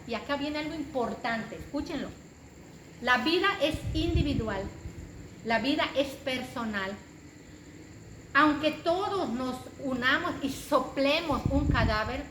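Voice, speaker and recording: Slow, emphatic woman preaching in an echoey church. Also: high-pitched, fairly bright tone. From Mexico. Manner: emphatic, repeats phrases for stress. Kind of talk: sermon. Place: church hall. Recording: echoey church room with background noise.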